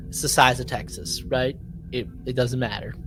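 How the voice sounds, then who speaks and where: With background noise in the clip, a man with a mid-range voice co-hosts a casual podcast recap. The chat is animated: he's emphatic, says things twice for effect and plays out mock quotes.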